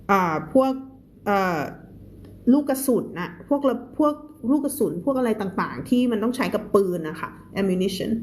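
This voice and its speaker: A woman teacher on a live stream, reading English aloud slowly word by word and then explaining in quick, chatty Thai. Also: mid-range voice, slight background noise.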